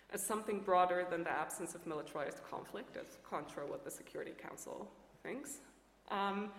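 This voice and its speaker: Earnest woman academic in a reverberant hall. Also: lowish voice. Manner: earnest, scholarly, with fillers. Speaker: panelist. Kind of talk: academic panel remarks. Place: large lecture hall. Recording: echoey hall.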